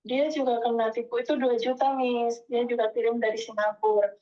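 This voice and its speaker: A woman from Indonesia, a migrant domestic worker, tells her own story with feeling. She acts out the dialogue lively and keeps calling her listener Miss. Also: fairly high pitch, brisk, highs cut off. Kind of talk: emotional first-person storytelling.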